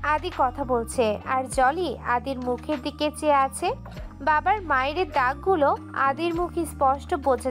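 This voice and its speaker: A woman narrating a scripted romantic audio story in an emotive, steady way. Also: high-pitched.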